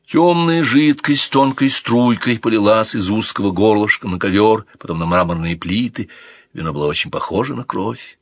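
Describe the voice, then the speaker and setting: A man narrating an audiobook with an expressive, theatrical delivery. His voice sits low. The recording is dry and close, with no room sound. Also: moderate pace, no echo.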